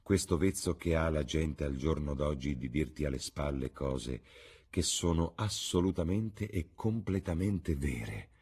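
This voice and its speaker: A man voicing a witty, cynical aristocratic gentleman who drawls ironic remarks. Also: rumbling low, animated, measured pace, breathy edge, exaggerated voice.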